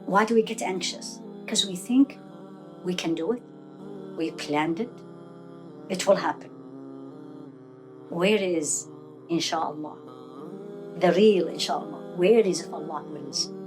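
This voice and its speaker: A middle-aged woman from Iraq giving religious advice in an interview, earnest and fond of rhetorical questions. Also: on the low side. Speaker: guest speaker, Islamic teacher.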